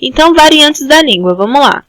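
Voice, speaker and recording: A woman's voice: sits high, expressive, fairly quick, fairly bright tone, no echo, low-quality recording. A Brazilian woman teaching a school language class, explaining step by step and often checking in with "né?". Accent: Brazilian Portuguese. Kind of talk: online class lecture.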